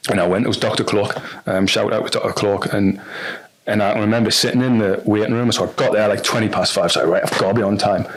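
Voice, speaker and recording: Fields: Sex: man. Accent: North East English. Pitch: lowish. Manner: frank, rambling storyteller. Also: fairly even intonation, husky. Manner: rambling, frank, quick restarts and fillers. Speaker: podcast guest. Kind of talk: candid personal storytelling.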